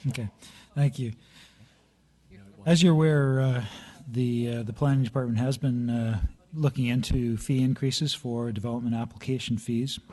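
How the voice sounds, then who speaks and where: Hoarse man presenting a budget report. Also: medium pitch, fairly even intonation, mellow. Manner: halting, many fillers, clears throat. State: slightly hoarse. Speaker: city planning staff presenter. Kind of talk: reading a budget report at a council meeting. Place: council chamber. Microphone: meeting room microphone.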